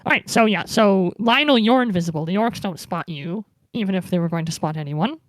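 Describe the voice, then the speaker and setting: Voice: medium pitch, lively intonation, a little fast, no room sound. A game master narrating a tabletop role-playing game in a conversational, explanatory way.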